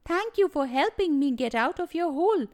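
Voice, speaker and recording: A woman voicing a small, trusting boy bunny in a storybook, gentle and friendly. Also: high voice, expressive, moderate pace, pitched above the performer's own voice. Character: little male bunny, sweet and trusting.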